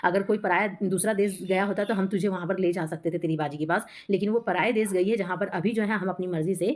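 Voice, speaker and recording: A woman teaches a poem to students, going through each line slowly with an inflected voice, often adding "hai na" and repeating herself. Her voice is mid-range with fairly even intonation.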